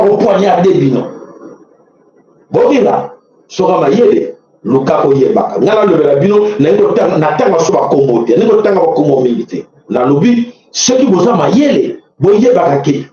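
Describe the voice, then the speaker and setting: A man's voice: on the high side, big pitch swings, moderate pace, dark tone. A man with a Congolese French accent, giving fiery, preachy political commentary with mocking exclamations. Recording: very echoey, dull lo-fi sound.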